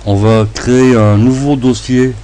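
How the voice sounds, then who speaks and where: A man with a lisp that makes his s sounds slushy, narrating a step-by-step screencast tutorial in short, halting phrases. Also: medium pitch, fairly even intonation, warm tone. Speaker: tutorial presenter.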